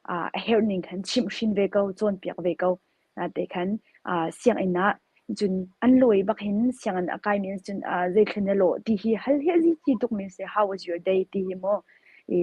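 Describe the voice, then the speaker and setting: A woman pharmacist giving interview answers in a measured, explanatory way, pausing often with fillers. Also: medium pitch, warm tone, husky, no room sound. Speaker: pharmacist guest.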